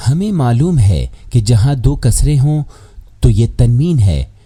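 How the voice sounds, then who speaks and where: Slow, dark-voiced male teacher. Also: mid-range voice, lively intonation, breathy edge. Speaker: Quran recitation teacher. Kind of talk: scripted explanatory lesson.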